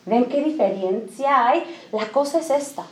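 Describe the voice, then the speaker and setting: Her voice sits high and sounds expressive and unhurried. She's giving a casual church talk to women, frequently checking in with the audience, mixing in English phrases, and acting out small quoted scenes.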